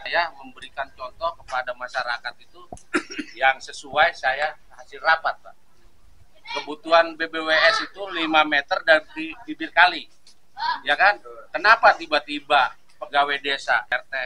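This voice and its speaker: A man argues his case outdoors, emphatic and indignant, repeating himself to press the point. His voice sits high for a man and sounds very bright and cutting. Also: rough recording. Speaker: local resident protesting a demolition. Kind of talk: heated street complaint to officials. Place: outdoors at a riverside settlement.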